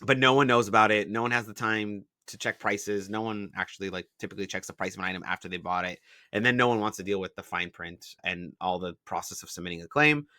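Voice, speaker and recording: In a casual interview, a founder with roots in Israel and the San Francisco Bay Area recounts how his startup came about, using examples and plenty of "like" fillers. He has a lowish, sharp-toned voice and talks fast. The audio is studio quality with no room sound.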